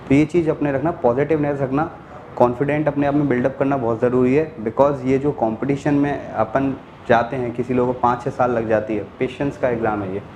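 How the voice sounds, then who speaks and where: A man's voice: mid-range voice, darkish tone, roomy sound, slight background noise, poor audio. A male teacher giving a lecture, explaining step by step, repeating key words and answering his own questions. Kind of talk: classroom lecture.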